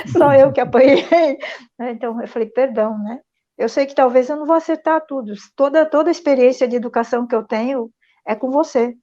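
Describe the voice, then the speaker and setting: A middle-aged woman shares a personal story in a somewhat high voice, earnest and reflective, often checking in with her listeners. The audio comes through a dull, muffled video call. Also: fast, warm tone. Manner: earnest, reflective, frequent tag questions. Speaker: speaker sharing a testimony. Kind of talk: personal storytelling in an online meeting.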